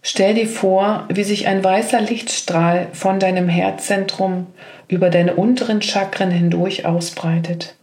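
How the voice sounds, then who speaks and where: Female meditation guide; calm, level delivery, unhurried pace. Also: medium pitch. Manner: slow, gentle spoken instructions.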